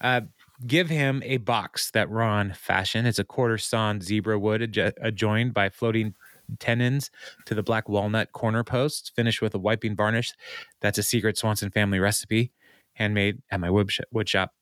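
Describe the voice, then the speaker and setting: A man's voice: on the low side, fairly even intonation, moderate pace, fairly bright tone, no echo, studio quality. A man hosting a podcast, casually recapping a TV episode with frequent laughs and filler words. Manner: laughs often, many ums and uhs. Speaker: podcast host.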